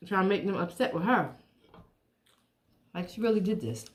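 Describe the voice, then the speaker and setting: A middle-aged woman chatting casually to viewers while she eats, chewing as she talks and pausing between bites. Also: medium pitch, animated. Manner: chewing while talking, with pauses to eat. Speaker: mukbang vlogger.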